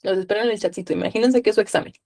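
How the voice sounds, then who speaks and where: An upbeat woman with a Guatemalan accent teaches a live online class, checking in with her students and prompting them to answer. She talks at a middling pitch. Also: rapid-fire, dark tone. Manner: upbeat, coaxing questions to students. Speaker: online tutor.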